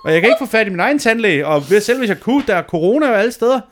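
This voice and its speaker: A man's voice: high voice, expressive. A man in his thirties telling a dramatic, self-mocking story in a casual chat, swearing freely.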